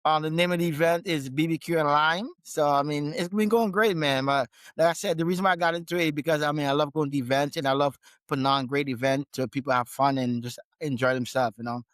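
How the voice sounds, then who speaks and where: Easygoing man from Guyana, slightly high. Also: quick pace, no room sound. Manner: relaxed, repeats and restarts, says "man" often. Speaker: guest, gym owner and fitness trainer. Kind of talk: casual interview conversation.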